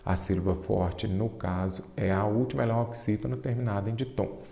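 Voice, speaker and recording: A Brazilian man with a fairly low voice gives an exam-prep grammar lesson, asking questions and answering them himself while he stretches the key terms. The sound is echoey, with a long reverb tail like a bare hall. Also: level tone, gravelly, dark tone. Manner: didactic, asks and answers his own questions, stretches key terms slowly. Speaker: Portuguese teacher.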